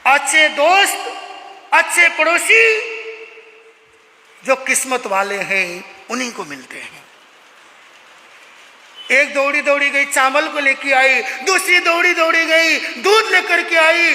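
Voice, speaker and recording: A man's voice: very high voice, animated, slow pace, pauses often, sharp tone. A male preacher telling a devotional sermon story in a dramatic, emotive way, in a large hall. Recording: echoey hall with long reverb.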